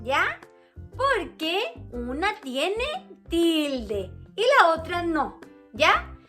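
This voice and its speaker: A woman's voice: very high-pitched, sing-song, extremely slow, sharp tone, soft background music. A young adult woman teaching a grammar lesson to children, patient and sing-song, drawing out key words.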